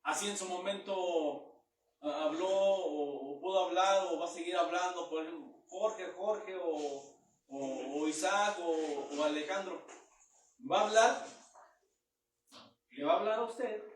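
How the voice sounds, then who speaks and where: Man, preacher, high voice, sermon, reads verses and explains them, distant mic, very echoey room. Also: unhurried, slight background noise. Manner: reads verses aloud, then explains them in plain words. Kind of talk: Bible teaching sermon.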